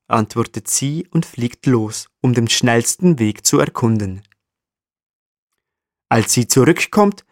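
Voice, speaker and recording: A man narrating a children's story gently and speaking directly to the listener. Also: medium pitch, dry recording, clean studio sound.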